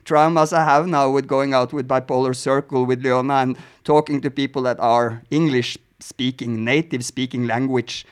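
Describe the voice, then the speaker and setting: A man's voice: mid-range voice, steady tone, normal speed, few pauses, clean tone. A man with a Scandinavian accent hosting a casual podcast, speaking hesitantly and self-deprecatingly with many restarts. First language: Scandinavian language. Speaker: podcast host.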